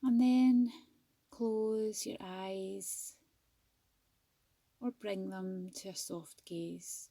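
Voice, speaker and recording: A yoga nidra teacher guides a meditation very slowly, her soft, husky voice carrying a creaky edge. She sounds gentle and soothing, with measured pauses between phrases. Her voice is mid-range and steady, and there is no echo.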